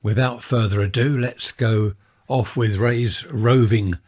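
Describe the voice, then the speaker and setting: A man's voice: medium pitch, steady tone, takes it slowly, a little mellow, breathy edge. A man from West Sussex, chatting and rambling as he narrates a casual walkabout vlog on a handheld microphone. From West Sussex, England. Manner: chatty, rambling, thinking aloud. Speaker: vlogger.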